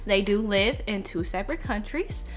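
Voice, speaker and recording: A young American woman with a medium-pitched voice speaks to camera on her vlog, sharing something personal. She's earnest and reflective, slow and heartfelt, with faint music behind her.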